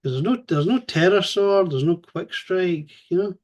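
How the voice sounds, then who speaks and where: A man's voice: sits high, moderate pace, a little mellow. A man hosting a show, giving a casual, rambling spoken review with a chatty, sometimes crude manner and frequent self-corrections. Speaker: host reviewing an animated series.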